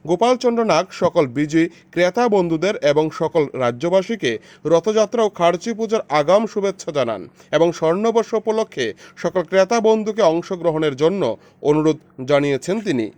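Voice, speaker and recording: A man's voice: sits high, lively intonation, fairly quick, darkish tone, dry recording. A man narrating a scripted local news report in a voice-over.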